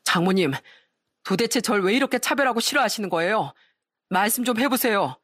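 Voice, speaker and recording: A woman's voice: medium pitch, animated, brisk, a bit bright, dry recording, studio quality. A hurt, put-upon son-in-law, as a woman reads him. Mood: hurt pleading. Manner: hurt, pleading.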